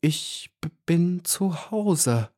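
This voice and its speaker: A small young bee girl cries out in a high, urgent, breathless voice, as a male storyteller puts her on. She pleads desperately and sounds far above his own reading voice. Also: expressive, very slow, dark tone, exaggerated voice. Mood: faltering.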